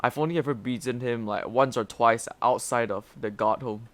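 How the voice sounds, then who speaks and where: A man's voice: medium pitch, normal speed, no room sound. A young man, rambling and laughing through casual gaming commentary as a streamer, with lots of stammered restarts.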